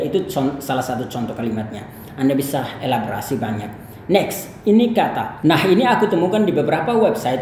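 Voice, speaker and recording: A man from Indonesia giving a casual pronunciation lesson, slowly repeating words to model them and dropping in English fillers. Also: fairly high pitch, darkish tone. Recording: very echoey room, faint noise.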